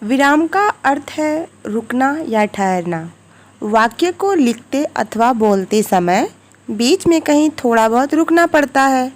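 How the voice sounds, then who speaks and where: Slow, lively-voiced woman teacher. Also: a little high. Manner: slow, clear explaining with lively rises on examples. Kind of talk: recorded grammar lesson.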